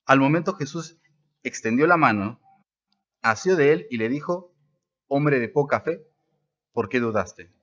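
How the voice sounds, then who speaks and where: A man's voice: mid-range voice, animated, a little slow, pauses often, a bit bright, muffled recording. A man preaching a sermon as pastor at a church service, stressing words by rising and dropping his voice.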